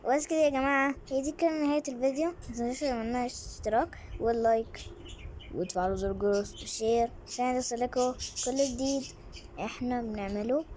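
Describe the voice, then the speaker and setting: A woman's voice: on the high side, fairly even intonation, fast talker, a little mellow, slight background noise. A woman with an Egyptian accent hosting a gaming channel, closing her video in a chatty, repetitive way. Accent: Egyptian Arabic. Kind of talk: video outro.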